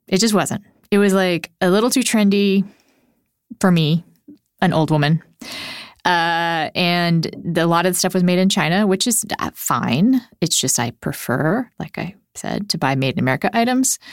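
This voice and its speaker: A woman hosts a podcast with chatty, self-mocking rambling that flows into a host-read ad. She stands at the mic and is recorded close and dry, with no room echo. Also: lowish voice. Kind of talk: casual chat and host-read ad. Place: home studio, standing at mic.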